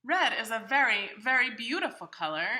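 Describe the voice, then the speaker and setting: Friendly, muddled giant kid-like bird for a picture book, played by a woman: high, lively pitch, earnest and hesitant. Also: a little fast, exaggerated voice. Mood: eager, earnest. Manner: hesitant, earnest, folksy exclamations. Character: big friendly childlike bird, earnest, muddled, eager show-and-tell host.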